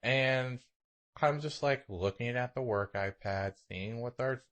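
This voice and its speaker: A podcast co-host tells anecdotes in casual chat, sarcastic and freely swearing. He has a medium-pitched, slightly bright voice and keeps a measured pace.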